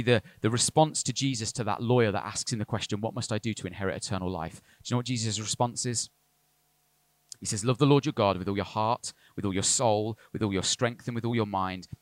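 A man's voice: on the low side, dry recording. A man preaching a sermon as a pastor, earnest with light asides to the congregation. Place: church service.

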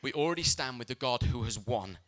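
A man, a pastor, delivering a sermon in a bright, forceful voice. He preaches with emphasis and tells lively stories from his own life. His pitch sits in the middle of the male range. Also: fairly quick. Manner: emphatic preaching, mixed with lively personal storytelling.

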